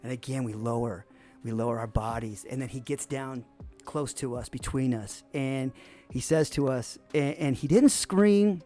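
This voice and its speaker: A man's voice: medium pitch, normal speed, dark tone, soft background music. A man telling a personal story in a conversational way, often adding "man" and "you know".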